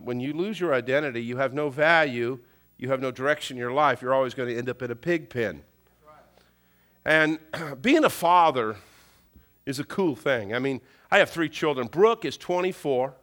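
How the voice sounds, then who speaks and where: A man's voice: mid-range voice, moderate pace, a bit bright. A middle-aged man preaching a sermon, telling folksy, humorous family stories and repeating key phrases for emphasis. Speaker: pastor.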